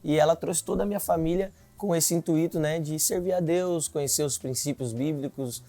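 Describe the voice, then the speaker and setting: A man's voice: on the high side, fairly quick, dark tone, soft background music. A man in his twenties, a city council candidate, earnestly telling his life story in an interview, often adding filler tags. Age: 20s.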